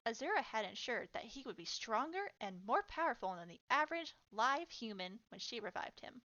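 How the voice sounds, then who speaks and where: Woman narrator reading fanfiction, slightly high, bright voice, lo-fi recording. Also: normal speed. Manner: steady storytelling narration. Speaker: fanfiction reader.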